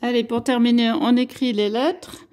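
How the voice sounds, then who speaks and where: A woman teaching a beginners' class on writing letters, speaking in a slow, patient way and spelling out each sound. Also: fairly high pitch, steady tone, a little mellow. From France. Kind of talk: Arabic alphabet lesson.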